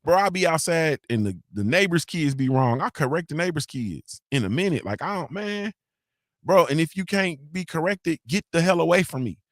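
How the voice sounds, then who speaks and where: Here the same kind of male morning-show host sounds fairly high-pitched and expressive, speaking at a normal pace. He reads live-stream comments casually, swearing a lot, spinning slangy stories, and tacking on "you feel me" constantly. The audio is dry and studio quality.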